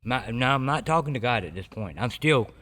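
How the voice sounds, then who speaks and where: A man giving his personal recovery testimony as a podcast guest, earnest and halting with many restarts. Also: mid-range voice, lively intonation, fairly bright tone.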